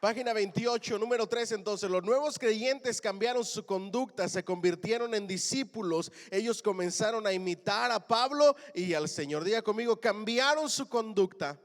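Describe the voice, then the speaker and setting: A man preaching a sermon as pastor, calling the congregation to answer back and swinging between loud and soft lines. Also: high voice, moderate pace, few pauses, big-room sound. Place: church.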